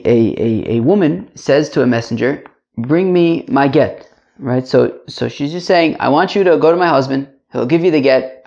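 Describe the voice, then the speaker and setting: A man's voice: mid-range voice, creaky, darkish tone, highs cut off. A man teaching an informal religious lesson to a class, chatty, repeating phrases and checking in with rhetorical questions. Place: indoors.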